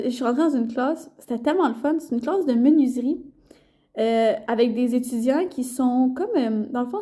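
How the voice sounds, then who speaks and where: High, mellow young Québécoise rambling casually. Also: female voice. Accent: Québécois French. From Quebec. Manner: rambling, loose and chatty, full of fillers and restarts. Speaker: vlogger and student intern. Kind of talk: casual vlog chat.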